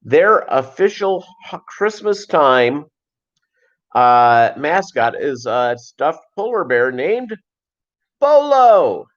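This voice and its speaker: Slightly high and sing-song, this man talks slowly over dull audio while hosting a fishkeeping livestream. He chats casually, reading viewers' comments aloud and responding as he goes.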